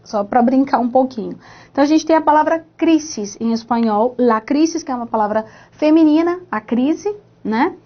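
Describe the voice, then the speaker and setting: A woman's voice: sits high, expressive, normal speed, muffled recording. A woman teaching a language class online, explaining grammar exercises patiently and encouraging students, often checking in with short questions. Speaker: Spanish teacher.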